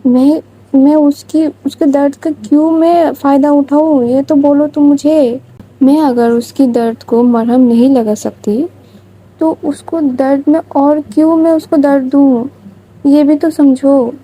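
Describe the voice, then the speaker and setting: A woman's voice: sits high, fairly even intonation, unhurried, mellow, rough recording. A woman voicing a heartbroken young woman, hurt and pleading as she explains her hidden love, in a storytelling reading. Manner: pleading, hurt self-justifying.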